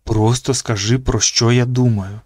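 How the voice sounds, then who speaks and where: A man's voice: mid-range voice, fairly even intonation, measured pace, darkish tone, no room sound, studio quality, natural voice. A man voicing an uneasy adult male guard who speaks in a worried, coaxing tone. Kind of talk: audiobook character voice.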